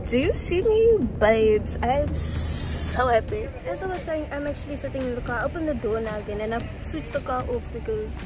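A woman's voice: on the high side, rough recording. A young South African woman chatting casually to her viewers in a travel vlog, calling them babes and dropping in Afrikaans words. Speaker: travel vlogger.

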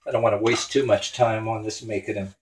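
A man with a lowish voice hosts a home cooking show, talking casually and crudely as he chops meat. He is in a small home kitchen, recorded by a camera mic on the counter. Knife and dish clatter fill the background. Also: fairly even intonation, quick pace. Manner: crude, joking, talks while chopping. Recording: clattering kitchen noise behind.

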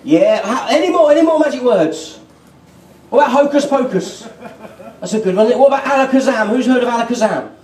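A man's voice: very high-pitched, lively intonation, brisk, darkish tone, far from the mic. A middle-aged British man doing exuberant kids party magician patter, calling out questions to the children. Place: on stage in a festival marquee. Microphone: distant audience camera picking up amplified voice. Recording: echoey tent PA, picked up from afar.

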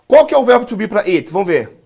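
Animated, husky Brazilian teacher man. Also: high-pitched, fast talker. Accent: Brazilian Portuguese. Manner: drills the class with call-and-repeat, quizzing students; playful, joking with students. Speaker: English teacher. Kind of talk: live classroom lesson.

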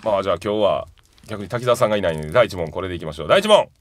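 A man's voice: low-pitched, animated, very fast, a little hiss or hum. A man with a Kansai accent co-hosting a radio variety show, chatting casually and running a quiz. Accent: Kansai Japanese. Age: 40s. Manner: laid-back and chuckling, reads quiz lines in a rising announcer voice. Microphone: studio microphone.

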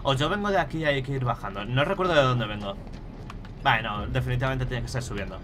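A young streamer from Spain, with a Spain Spanish accent, commentates on his own gameplay at home through a headset mic, swearing freely and muttering to himself. He talks fast at a medium pitch. Game music and background noise play behind him.

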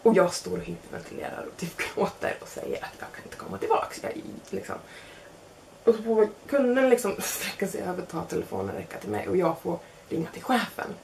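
Lively young woman telling a funny anecdote. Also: fairly low pitch, creaky, slight background noise. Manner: animated, self-mocking, acts out quotes. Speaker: storyteller. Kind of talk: casual spoken anecdote.

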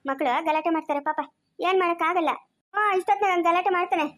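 A woman acting out a fussing village woman with a rural Chikkaballapur Kannada accent, who chatters, coaxes and scolds. Her voice sits very high and races along at a breakneck clip. The skit is an amateur village drama. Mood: chatty. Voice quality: quick chattering, coaxing and scolding. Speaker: actor in a family village skit.

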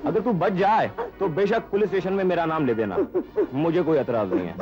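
A man's voice: on the high side, lively intonation, fairly quick, close to an everyday voice. An actor playing a mocking male rival who gloats over a captured bandit, in a 1970s film. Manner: mocking, sarcastic. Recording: dull 1970s film soundtrack with music.

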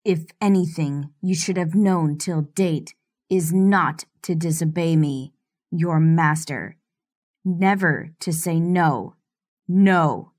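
In an audiobook, a woman voices a cold, domineering rich young man who gives icy, clipped commands. Her voice is low-pitched and slow with a darkish tone, and the mood is cold and commanding.

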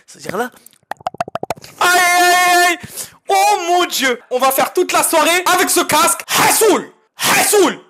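A young man whose voice goes through a headset effect that turns it into a squeaky, shrieking voice full of over-the-top exclamations. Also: animated, a little slow, pushed and bright, heavily acted. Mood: manic. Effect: high pitch-shifting headset voice effect.

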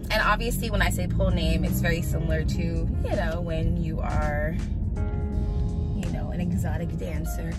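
Chatty young woman vlogging from her car. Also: on the low side. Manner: chatty and upbeat, addresses viewers as y'all and guys. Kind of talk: casual vlog talk to camera. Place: inside a parked car.

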